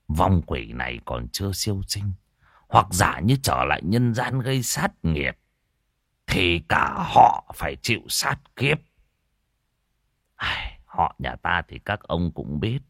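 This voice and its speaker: A man's voice: deep voice, creaky, a bit bright, dry recording, studio quality, full character voice. A man doing a grave old village elder.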